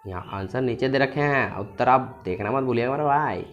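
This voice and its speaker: A man's voice: mid-range voice, fairly quick, a bit bright, muffled recording. A young man teaching a history exam lesson in a playful way, acting out little stories with voices to help students remember answers. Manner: playful, keeps saying "my brother". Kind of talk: exam-prep history lesson with memory tricks.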